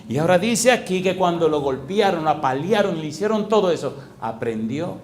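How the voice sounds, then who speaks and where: A man's voice: fairly high pitch, expressive, a little fast, a little hiss or hum. A man preaching a sermon as pastor, asking the congregation questions and answering them himself. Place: church hall. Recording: echoey church hall.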